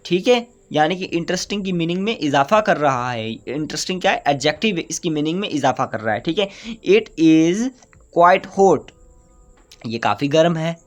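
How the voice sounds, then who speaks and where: A man's voice: fairly high pitch, expressive, a little fast, hardly any pauses. A man in a grammar lesson with an Urdu-influenced accent, explaining step by step and often asking and then answering his own questions. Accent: Urdu-influenced Hindustani. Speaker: grammar teacher.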